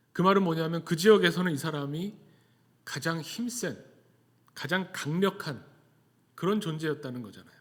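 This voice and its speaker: A man preaching a sermon as a pastor, speaking conversationally and posing rhetorical questions in a church. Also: a little high. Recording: long hall reverb.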